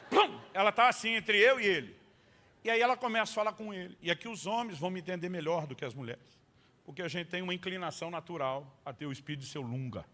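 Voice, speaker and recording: A male pastor delivers a humorous sermon full of family anecdotes. His voice is high and bright. He tells stories in an animated way and breaks into loud shouts at the punchlines.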